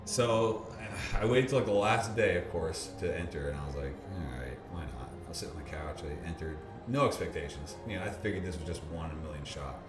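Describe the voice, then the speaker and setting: A man being interviewed, telling a story casually, animated, laughing often and restarting his sentences. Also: sits low, brisk, few pauses, music in the background. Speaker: bodybuilder interviewee. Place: gym or park. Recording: roomy echo, faint background hum.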